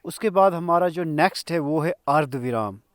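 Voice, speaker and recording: Male teacher, slow and explanatory with short coughs, voice a little high, dry recording. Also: animated, dry recording. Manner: slow and explanatory, pausing between examples. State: coughing now and then. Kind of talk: grammar lesson.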